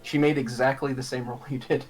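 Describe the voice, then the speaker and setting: A man's voice: medium pitch, little pitch movement, fairly quick, loud music behind the voice, rough recording. A man running a tabletop game as game master, easygoing and chuckling between rulings.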